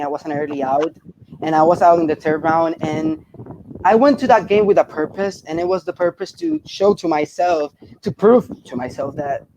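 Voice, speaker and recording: A man with a distinctly high voice and a Puerto Rican accent, a native Spanish speaker. He answers interview questions casually and earnestly, repeating phrases as he goes. There is faint noise behind him. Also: darkish tone, highs cut off. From Puerto Rico. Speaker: game contestant being interviewed.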